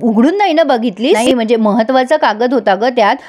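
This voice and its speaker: A woman reading the lines of a naive, trusting young man from a TV serial, without lowering her voice much. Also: fast talker, a little mellow, natural voice. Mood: earnest.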